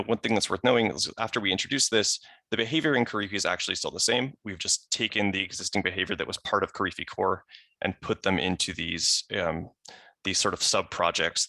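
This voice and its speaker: Over a remote video call, a software engineer presents technical material in a low, gravelly voice that still sounds crisp and bright. The recording is close and dry. He keeps the explanation casual, dropping in little asides.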